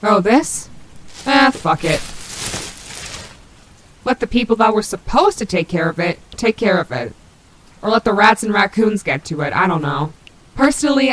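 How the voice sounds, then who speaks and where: A woman's voice: medium pitch, natural voice, rough recording. A woman playing a female animatronic wolf in an audio roleplay, vain and sassy but protective and maternal, talking casually. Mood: brash, protective. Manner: sassy, casual, swearing, muttering asides to herself. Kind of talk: character audio roleplay, speaking to listener. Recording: heavy rain and thunder noise behind. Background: rainstorm sound effects.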